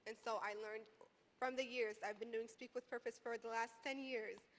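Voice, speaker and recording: This clip has a fairly high-pitched, steady woman's voice at a moderate pace: an Iraqi youth advocate and educator in her twenties on a panel. She talks in an earnest, personal, conversational way, with frequent "like" and "you know," and the hall around her echoes and carries background noise.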